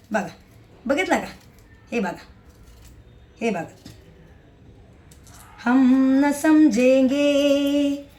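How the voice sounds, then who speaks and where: A woman's voice: fairly high pitch, slight background noise. A middle-aged woman vlogging casually, chatty and emphatic, often asking her viewers if they agree. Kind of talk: casual rambling vlog to viewers.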